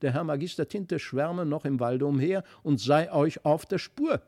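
A man's voice: a little high, normal speed, a little mellow, lightly acted. A man voicing a worried nobleman father in a storybook reading, speaking earnestly. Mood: relieved.

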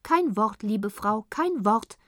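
A woman's voice: medium pitch, expressive, takes it slowly, fairly bright tone, no echo, clean studio sound. A woman reading aloud, voicing a pair of silly, grinning male pilgrims who babble nonsense.

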